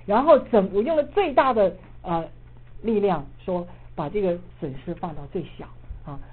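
A middle-aged woman, an assistant pastor, preaching and telling a personal story in a lively way, dotting her speech with filler particles. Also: medium pitch, moderate pace, slightly rough. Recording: muffled phone-like audio with faint noise.

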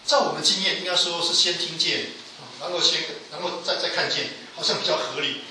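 A man preaching a sermon with emphatic delivery, his voice rising to loud pleas and falling low again. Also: a little fast, a little hiss or hum. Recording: echoey hall from a distance.

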